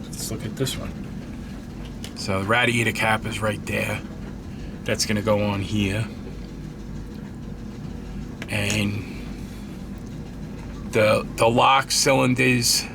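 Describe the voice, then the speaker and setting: There's background noise behind this man's lowish voice. He's stuffed up and congested, giving a casual hobby tutorial on his scale model build, rambling on and revising what he says.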